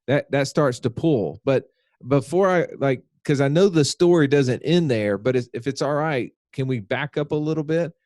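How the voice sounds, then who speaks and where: A man's voice: medium pitch, moderate pace, a little mellow, dry recording, studio quality. A man hosting a podcast interview, recapping the guest's story and acting out what he thought. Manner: recaps the guest's story, acts out inner voices. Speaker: podcast host. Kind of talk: casual interview.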